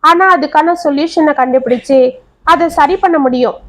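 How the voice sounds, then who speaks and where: Calm young husband, steady and explaining; woman reader voices him. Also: high voice, moderate pace.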